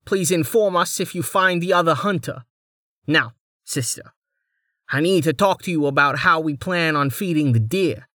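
A man's voice: fairly high pitch, moderate pace, fairly bright tone, dry recording, clean studio sound, voice pushed up, natural voice. A man voicing a reedy-voiced noble lord who speaks in a cool, dismissive way in an audiobook. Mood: firm.

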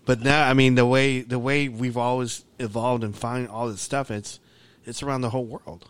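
A man's voice: medium pitch, steady tone, moderate pace, smooth, no echo. A man hosting a casual podcast interview, rambling with many fillers and retelling what others told him. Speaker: podcast host.

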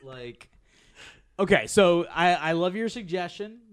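A man's voice: high voice, expressive, smooth, dry recording. A man co-hosting a podcast, chatting casually and often restarting his phrases. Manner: halting, restarts phrases, wraps up the show. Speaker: podcast co-host. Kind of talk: casual chat.

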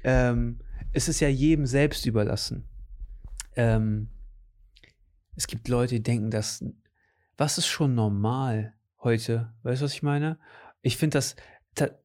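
A man chatting casually in a relaxed, slangy way, full of fillers and "you know what I mean" tags. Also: medium pitch, slow, long pauses. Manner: relaxed, slangy, lots of fillers and tag questions. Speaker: conversation partner. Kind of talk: casual chat.

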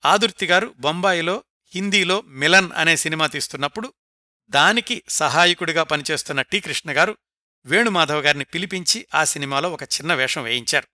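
Male narrator, fairly high, very bright tone; scripted biography read, dry close mic. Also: a little fast, no room sound.

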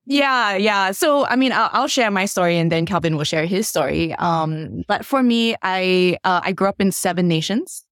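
A woman in her thirties from Singapore, a worship leader telling her story in a podcast interview with many fillers and animated jumps in pitch. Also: normal speed, few pauses, no room sound, clean studio sound.

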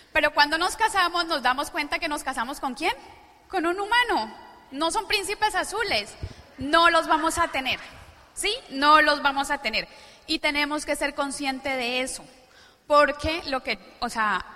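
A woman giving a motivational talk to a live audience, often checking in with quick tag questions. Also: high-pitched, sharp tone. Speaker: speaker at a business event. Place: large event hall before an audience. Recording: live hall with long reverb.

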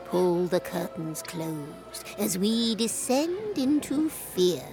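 A woman voicing a witchy horror hostess, reciting a scripted Halloween podcast intro as a theatrical incantation. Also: fairly low pitch. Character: spooky witchy horror hostess over a bubbling brew.

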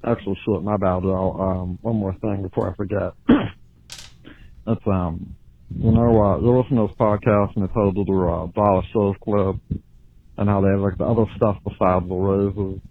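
A man leaving a crude, rambling voicemail through a deep pitch-shifted voice changer. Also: fairly even intonation, moderate pace, gravelly. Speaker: voicemail caller. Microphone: phone. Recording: tinny phone voicemail with faint hiss.

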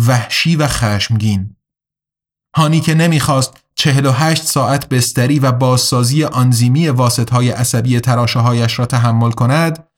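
A man reading a story aloud in a steady, deliberate narration. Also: medium pitch. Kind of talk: audiobook narration.

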